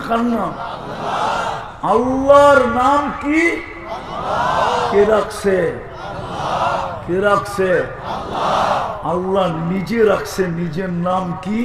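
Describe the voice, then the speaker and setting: A man preaching a live sermon, calling questions out to the crowd, shouting emphatic lines and chanting Arabic verses. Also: sits high, echoey room, background noise.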